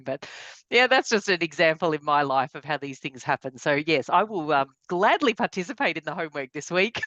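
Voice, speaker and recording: A woman hosting a podcast, telling stories in an enthusiastic, expressive way. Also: low-pitched, no echo, muffled recording. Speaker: podcast host. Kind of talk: conversational podcast chat.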